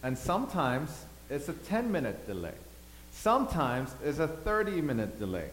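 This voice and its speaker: A man who grew up in Thailand, preaching a sermon as pastor, swinging between loud emphasis and quiet asides. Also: on the high side, wildly swooping pitch, moderate pace. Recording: echoey hall, faint hum.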